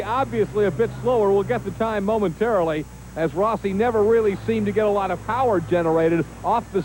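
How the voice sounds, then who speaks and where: A man's voice: high voice, a little mellow. A man working as a motorsport TV host, calling monster truck and tractor pull action in an emphatic, promotional announcer delivery. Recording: noisy TV audio with engine noise.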